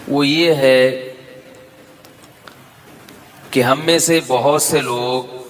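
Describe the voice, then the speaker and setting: A man giving a sermon to a live gathering, speaking in a measured, conversational way and turning to people in the room. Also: medium pitch. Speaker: preacher. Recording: reverberant hall with faint background noise.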